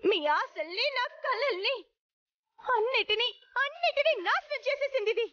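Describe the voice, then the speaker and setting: An actress playing an angry woman who shouts and accuses a relative in a TV serial, on dull TV audio. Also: extremely high pitch, animated, moderate pace, no room sound, exaggerated voice. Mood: bitter accusing. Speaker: Gundamma, accusing daughter-in-law. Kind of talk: Telugu TV serial acting.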